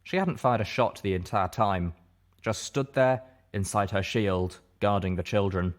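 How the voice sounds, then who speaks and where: A man with a fairly low voice reads scripted first-person fiction like an audiobook narrator telling a story, at a slightly slow pace.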